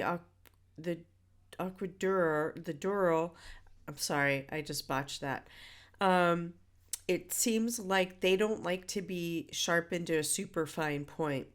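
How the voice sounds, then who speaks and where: A middle-aged woman with a fairly low voice, a little stuffy from a head cold, walks through a relaxed drawing tutorial as an art instructor. She's chatty, with lots of fillers and self-corrections.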